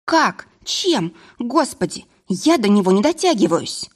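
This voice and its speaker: A frantic, excitable young woman, voiced by a woman reading the story, pitched high and shrill. She blurts everything out in loud, breathless bursts, her voice jumping up and down. An audiobook scene. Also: unhurried. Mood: panicked.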